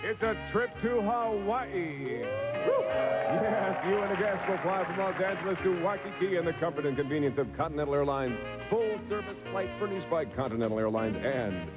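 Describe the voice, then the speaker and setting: A man booming out prize descriptions as a game show announcer, in a showman's delivery, on a 1980s TV broadcast. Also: low-quality recording. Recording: 1980s TV broadcast over music.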